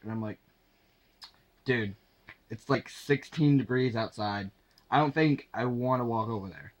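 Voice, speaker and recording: A young storyteller with a mid-range voice shares a casual anecdote to camera, stumbling and swearing along the way while he performs the lines of dialogue himself.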